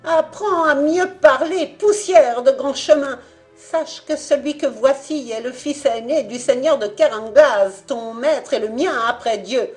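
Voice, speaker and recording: A woman doing a shrill spiteful old nursemaid. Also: a little slow, darkish tone, faint music behind. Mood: haughty scolding. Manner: shrill, scolding.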